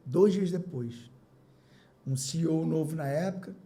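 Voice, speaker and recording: Gravelly-voiced man telling an emotional story. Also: fairly high pitch, measured pace. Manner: emotional, animated retelling, repeats phrases and acts out his own past words. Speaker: podcast guest, business owner. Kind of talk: personal story in a podcast interview.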